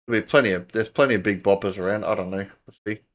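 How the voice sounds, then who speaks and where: A man's voice: fairly low pitch, racing, a bit bright. A man leading a casual sports discussion as podcast host, with matey, sweary banter.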